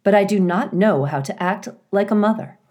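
A polite female robot from a children's storybook, read by a woman. She sounds earnest and literal, wording everything formally and with measured care. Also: medium pitch, darkish tone, pitched above the performer's own voice, natural voice. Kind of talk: children's storybook character reading.

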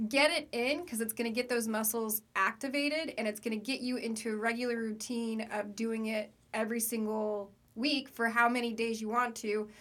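A woman's voice: a little high, fairly bright tone. A woman with a sick voice co-hosting a fitness segment, casually giving practical workout tips.

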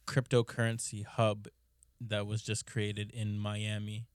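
In slow, smooth, completely flat tones, a man with a lowish voice co-hosts a podcast, casually chatting with friends, laughing often, rambling and swearing a lot while telling stories. The sound is studio quality with no echo.

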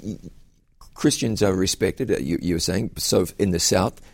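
A man who is a pastor and host, interviewing a guest with curious, quick follow-up questions and frequent restarts. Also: low voice, creaky.

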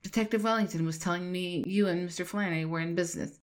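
A woman's voice: lowish voice, quick pace, lightly acted. A woman voicing a curious, playful young woman amateur detective in a read-aloud story. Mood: eager.

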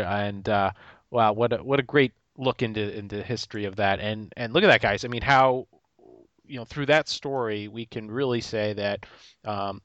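A man hosting a podcast in casual conversation, halting and repeating words as he goes. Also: lowish voice, fairly bright tone, no echo, lo-fi sound. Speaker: podcast host. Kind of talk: casual interview chat.

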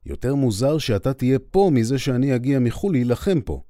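A man's voice: medium pitch, sing-song, mellow, no echo, clean studio sound, voice pushed up, lightly acted. A man voicing a cocky male air force officer who teases an old friend. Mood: teasing. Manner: teasing, self-assured.

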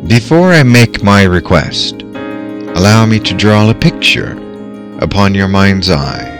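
A man narrating a guided visualization in a measured, theatrical manner with long dramatic pauses. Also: on the low side, expressive. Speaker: host. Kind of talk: slow guided visualization narration over music. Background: soft background music.

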